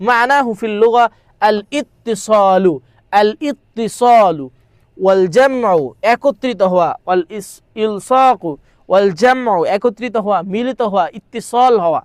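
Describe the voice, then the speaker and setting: A man's voice: sits high, no room sound, studio quality. A man teaching an exam-prep grammar lesson. He reads lines aloud, translates them, repeats them, and keeps asking rhetorical questions. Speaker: madrasa exam tutor.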